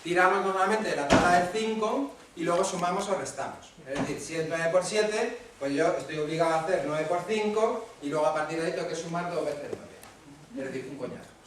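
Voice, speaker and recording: A man's voice: fairly high pitch, fairly quick. A man with a Spanish accent from Spain, giving a casual lecture to parents and often checking in with his audience. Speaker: speaker at a talk for parents. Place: hall at a parents' association talk. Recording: very echoey room, mic far off, faint noise.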